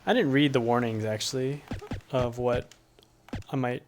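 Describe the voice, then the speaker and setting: A man's voice: mid-range voice, fairly even intonation, normal speed, slight background noise. A man streaming a video game, giving rambling, offhand commentary as he plays. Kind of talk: casual gameplay commentary. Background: faint game music.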